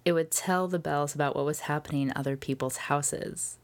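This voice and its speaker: A woman hosting a podcast, telling a history story in a casual, jokey way with swearing and quick whispered asides. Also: sits low, fairly even intonation. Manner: chatty with frequent fillers and whispered asides. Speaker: podcast host.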